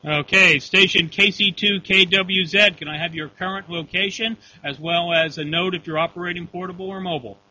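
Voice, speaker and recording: A man's voice: high-pitched, steady tone, a little fast, hardly any pauses. A man acting as net control operator on an amateur radio storm net, speaking in formal, procedural radio phrasing. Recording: dull lo-fi radio audio, faint hum.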